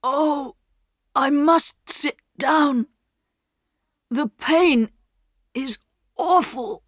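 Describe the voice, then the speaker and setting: A woman's voice: high voice, no echo, clean studio sound, voice pushed up. A woman doing a hurt, faltering boy. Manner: faltering, halting speech. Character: injured boy in a red shirt, weak and in pain. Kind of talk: storybook character reading.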